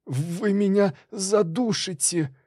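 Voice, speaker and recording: A man's voice: medium pitch, animated, normal speed, a little mellow, dry recording, clean studio sound, voice pushed up, close to an everyday voice. A man narrator voicing a scrawny, frightened young male actor of about twenty-five who mumbles.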